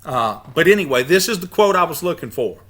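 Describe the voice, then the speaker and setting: A man's voice: a little high, big pitch swings, a little fast, fairly bright tone. Emphatic man lecturing a study group. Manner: emphatic, asks the listeners rhetorical questions, frequent restarts. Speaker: YouTube channel host leading a study group. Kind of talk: lecture-style talk to a group.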